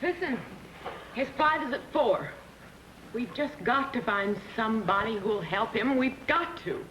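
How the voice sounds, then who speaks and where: An actress playing a playful young wife in a 1960s sitcom, teasing and eager. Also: female voice, on the high side, lively intonation, measured pace, a bit bright. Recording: noisy TV audio.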